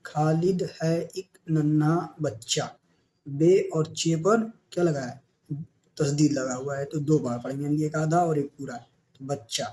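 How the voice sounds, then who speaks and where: A male teacher giving a beginner Urdu reading lesson with an Indian Urdu accent, spelling out letters and syllables slowly and asking questions he answers himself. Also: on the high side, fairly even intonation, dark tone, a little hiss or hum.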